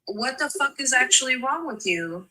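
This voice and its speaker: A woman's voice: high voice, expressive, moderate pace, pushed and bright, low-quality recording. A woman in her thirties in casual chat, blunt and swearing freely.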